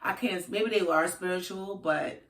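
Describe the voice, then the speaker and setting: A woman's voice: on the low side, unhurried, a bit bright. Brooklyn woman in an echoey room. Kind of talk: casual storytelling conversation. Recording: echoey room, distant microphone.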